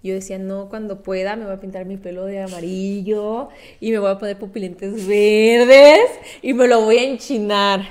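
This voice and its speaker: A woman's voice: medium pitch, moderate pace. A young woman with a Mexican accent, chatting casually as a podcast co-host, telling self-mocking stories with a lot of laughter. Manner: animated, self-mocking storytelling, laughs often. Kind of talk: casual chat.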